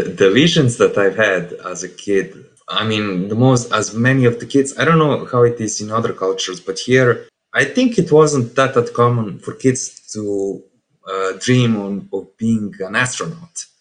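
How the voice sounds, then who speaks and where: Deep-voiced Serbian man, halting speaker. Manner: halting, repeats and rephrases words. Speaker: podcast guest. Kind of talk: reflective casual interview.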